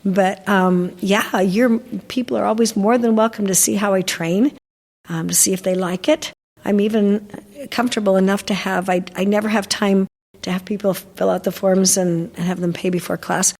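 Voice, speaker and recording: Older woman, dog trainer, gravelly, mid pitch, chatty rambling storyteller, interview guest. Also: fairly even intonation, normal speed, darkish tone, long reverb tail. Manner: chatty storytelling with many fillers and restarts. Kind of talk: casual interview chat.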